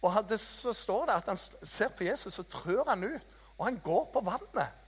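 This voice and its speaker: A man preaching a sermon in a church hall, telling stories in a lively, self-mocking way. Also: high voice, breathy edge. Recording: reverberant hall.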